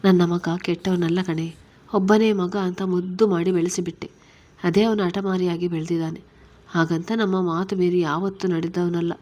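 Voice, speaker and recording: A woman reading a story, voicing a caring middle-aged mother-in-law who gently reassures her daughter-in-law. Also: on the low side, fairly even intonation, moderate pace, lightly acted. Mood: reassuring.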